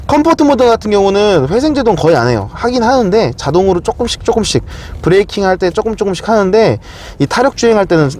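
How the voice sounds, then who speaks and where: A man's voice: high-pitched, very animated, fast, hardly any pauses, a little mellow, a little hiss or hum. A man presenting a casual explanatory walkthrough, often asking questions and answering them himself. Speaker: car video presenter.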